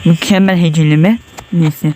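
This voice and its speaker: His voice fairly high and darkish, with fairly even intonation and a slightly slow pace, a nervous gamer commentates on his horror run. He sweats, stays tense and jumpy, mutters prayers and exclamations, and yelps at every jolt.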